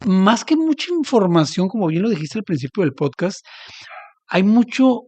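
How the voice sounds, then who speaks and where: A man's voice: high-pitched, very animated, moderate pace, a little mellow, no echo. A man with a northern Mexican accent, a podcast guest explaining theology in an earnest, searching way. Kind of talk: casual theological discussion.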